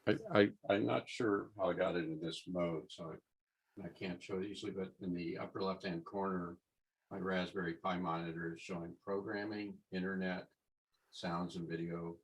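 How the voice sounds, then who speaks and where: A man's voice: deep voice, steady tone, normal speed, husky, low-quality recording. A man on a video call, hesitant and stumbling as he asks for help with his setup. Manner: hesitant, stumbling over words. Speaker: workshop participant. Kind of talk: casual video call question.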